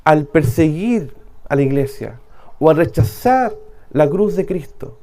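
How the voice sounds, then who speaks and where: Chilean pastor preaching with rhetorical questions. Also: male voice, on the high side, expressive, a little slow, warm tone. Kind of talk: sermon.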